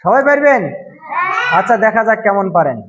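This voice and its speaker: Strict high-voiced Quran teacher shouting. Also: male voice, sing-song, brisk. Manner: shouts questions, drills answers, scolds strictly. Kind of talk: classroom lesson to children. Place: crowded classroom indoors. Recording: muffled lo-fi, loud children and noise.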